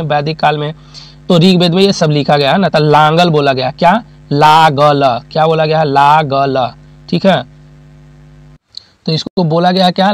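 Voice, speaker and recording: High-voiced teacher with a lilt. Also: male voice. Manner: asks listeners questions and answers them himself; uses homely examples, repeats key terms. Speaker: exam-prep teacher. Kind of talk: classroom lecture.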